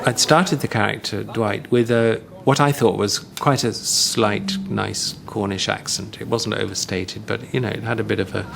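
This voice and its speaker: Gravelly-voiced actor, hesitant and wry. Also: male voice, lowish voice, steady tone, a crowd in the background. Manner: hesitant, self-deprecating, with filler pauses. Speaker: actor interviewed. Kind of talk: interview recollection.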